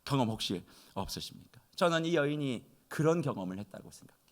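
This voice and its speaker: 새벽기도회에서 설교하는 중년 남성 목사로, 강조할 때는 목소리를 높이고 때로는 속삭이듯 낮추며 핵심 단어를 길게 늘여 말한다. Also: male voice, mid-range voice, expressive. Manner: emotional, swings from loud emphasis to near-whispers; slows down and stretches key words. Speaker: pastor. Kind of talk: dawn prayer sermon. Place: church sanctuary.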